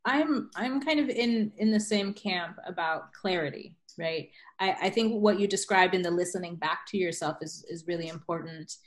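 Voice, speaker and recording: A woman writing teacher talking on a podcast, emphatic and full of rhetorical questions, often tagging "right?". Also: on the low side. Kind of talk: podcast conversation.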